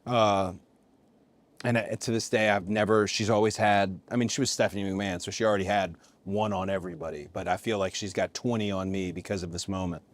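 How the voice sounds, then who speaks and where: A man hosting a casual interview chat, earnest and halting. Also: low voice, steady tone. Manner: earnest, stumbling restarts, gets emotional. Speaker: host.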